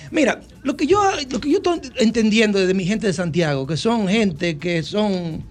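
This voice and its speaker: A man with a Dominican accent, a guest telling animated stories with many restarts and repetitions. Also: sits high, normal speed, soft background music. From Dominican Republic. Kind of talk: casual storytelling interview.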